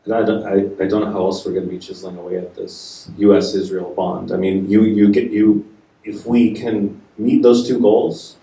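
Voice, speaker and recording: A man on a panel speaking in a halting way, with many fillers and restarts. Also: on the low side, flat delivery, vocal fry, warm tone. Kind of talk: panel discussion. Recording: echoey room, distant mic.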